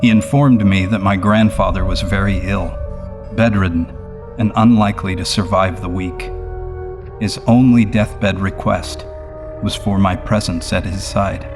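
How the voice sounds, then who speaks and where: Deep-voiced man narrating a horror story. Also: fairly even intonation, a little slow. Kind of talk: scripted first-person horror narration. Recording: prominent music behind the voice. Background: music.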